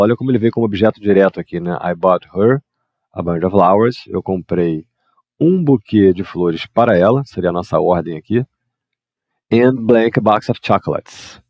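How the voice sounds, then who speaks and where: A man from Brazil teaching English grammar, explaining exercises at a quick clip and reading model sentences slowly. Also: on the low side, no echo. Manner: lively, switches between explaining and slow model sentences. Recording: dry, dull lo-fi mic.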